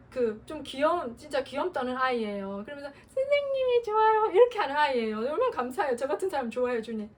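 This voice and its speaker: A woman pastor delivering an earnest Sunday sermon, sometimes laughing as she acts out prayers. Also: sits high. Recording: distant mic with faint noise.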